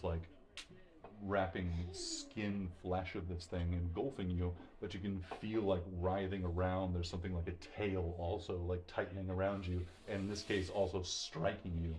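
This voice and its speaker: A man narrating as game master, relaxed and rambling, with lots of fillers. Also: deep voice, normal speed.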